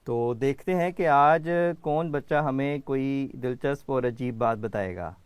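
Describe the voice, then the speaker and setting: A man's voice: medium pitch, smooth, no room sound. A man hosting a children's education program, patiently calling on kids by name to answer quiz questions.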